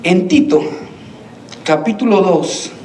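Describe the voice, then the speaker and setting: A man preaching in a church, with a voice that sits high for a man. He tells stories and acts out the lines of the people in them, laughing often. The sound is roomy and distant, with faint ambience behind him. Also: lively intonation, takes it slowly, darkish tone, a little hiss or hum. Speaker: pastor. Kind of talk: sermon. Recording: echoey room, mic at a distance.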